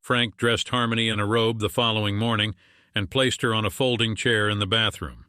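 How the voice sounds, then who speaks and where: A man narrating a science fiction audiobook in a measured storytelling delivery, over music. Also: fairly low pitch, steady tone, noisy background. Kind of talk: scripted narration.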